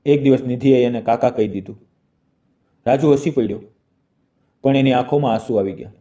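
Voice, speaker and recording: A man narrating an emotional family story in short, even phrases. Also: medium pitch, normal speed, recorded from a distance.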